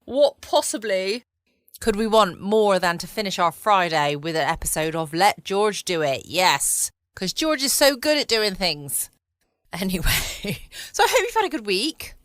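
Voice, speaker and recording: She speaks at medium pitch, a little slowly, animated and slightly bright, with studio-quality sound and no echo. She's a southern English woman past her twenties who hosts a bedtime podcast in a quiet room at home, chatty, playful and self-mocking.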